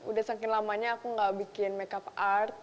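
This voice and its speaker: A woman's voice: mid-range voice, little pitch movement, a little fast, slight background noise. Chatty young woman, reverberant studio. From Indonesia. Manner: chatty, mixes in English phrases. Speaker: makeup artist and content creator. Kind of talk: casual interview answers. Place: TV talk show studio.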